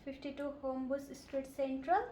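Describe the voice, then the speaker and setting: A woman's voice: high voice, fairly even intonation, moderate pace, warm tone, slight background noise. A woman from Nepal, playing a nurse and asking polite, methodical questions in a scripted health assessment role-play. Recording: roomy echo.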